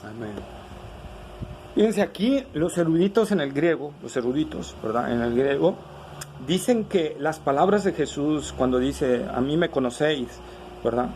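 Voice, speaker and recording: High-voiced male pastor preaching. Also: animated, normal speed, darkish tone, a little hiss or hum, poor audio. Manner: rhetorical, frequent "¿verdad?" tag questions. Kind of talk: sermon.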